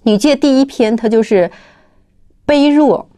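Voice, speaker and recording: A middle-aged woman who heads a company gives a personal testimony talk about her studies. She tells it as lively stories and acts out the dialogue. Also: a little high, a little slow. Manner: lively storytelling, acting out dialogue. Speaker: company head sharing study experience.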